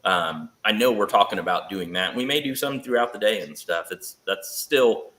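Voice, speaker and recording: A man with a lowish, bright voice talks loosely about plans, full of fillers and hedges. His voice rings in a roomy space. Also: moderate pace. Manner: rambling, hedging with fillers. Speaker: guest on automotive chat. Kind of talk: casual chat.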